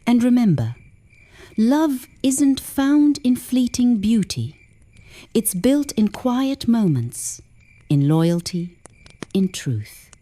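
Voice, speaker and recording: A woman narrating a story in a gentle, reflective, scripted way. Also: on the high side, big pitch swings, slow.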